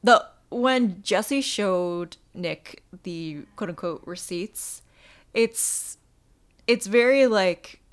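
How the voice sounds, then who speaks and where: A woman's voice: medium pitch, very slow. A woman co-hosting a podcast in casual chat, talking in a filler-heavy, trailing, gossipy way. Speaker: podcast co-host.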